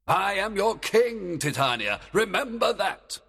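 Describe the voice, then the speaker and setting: A man's voice: high voice, big pitch swings, unhurried, gravelly, fairly bright tone, breathy edge, long reverb tail, voice pushed up, heavily acted. A man reading a storybook aloud, voicing a proud and scheming fairy king who gives stern commands and gloats. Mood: commanding.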